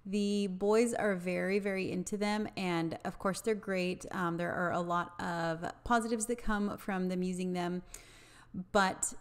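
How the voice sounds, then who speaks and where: A woman's voice: on the low side, fairly even intonation, a little slow, clear, resonant tone. A woman in her thirties, a home vlogger, explaining her cleaning routine in a plain, matter-of-fact voice-over. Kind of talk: voice-over narration.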